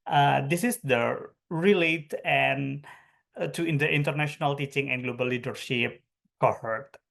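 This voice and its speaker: A man from East Java, Indonesia, introducing himself as a student on a webinar panel, speaking with many pauses and fillers over a video call. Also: a little high, vocal fry, a bit bright. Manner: slow, hesitant, many fillers.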